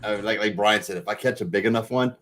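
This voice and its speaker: A man's voice: lowish voice, quick pace, fairly bright tone. A man hosting a fishing show, chatting casually and encouraging his guests. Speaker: host. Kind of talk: casual chat.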